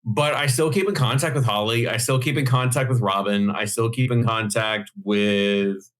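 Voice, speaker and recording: A man's voice: mid-range voice, fairly even intonation, moderate pace. Rambling man telling stories on a podcast. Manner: rambling storyteller, many fillers and restarts. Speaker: guest comic book writer. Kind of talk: casual podcast chat.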